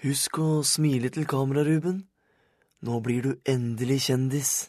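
A man voicing a calm, cheeky boy with big plans, speaking in an easy, reassuring way, in an audiobook. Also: medium pitch, dry recording, clean studio sound, voice pushed up, lightly acted. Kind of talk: audiobook character voice.

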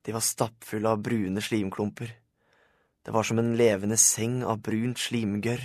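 A man's voice: lowish voice, little pitch movement, darkish tone, no echo, studio quality. A man reading a first-person children's audiobook in a plain storytelling manner. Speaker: audiobook narrator. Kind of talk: scripted first-person narration.

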